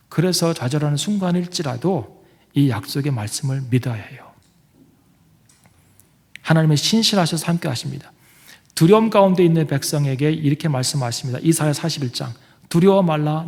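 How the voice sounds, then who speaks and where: A man preaching a sermon as pastor, emphatic, questioning his congregation and dropping to hushed whispers for effect. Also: fairly high pitch, in a large hall. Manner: emphatic, swings from loud declarations to hushed whispers; asks the congregation questions, tells family stories. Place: church.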